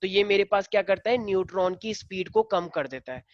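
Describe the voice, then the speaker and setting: A man's voice: sits high, lively intonation, a little fast, dry recording, lo-fi sound. A male teacher lecturing a class in a casual way, explaining step by step and firing questions at the students.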